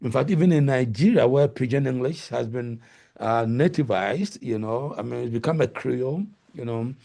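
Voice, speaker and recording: A middle-aged man with a Ghanaian accent, a guest lecturer, fields questions over a video call. His voice is deep, gravelly and husky, dark and mellow in tone, and he talks at a moderate pace but hesitantly, with plenty of fillers and restarts.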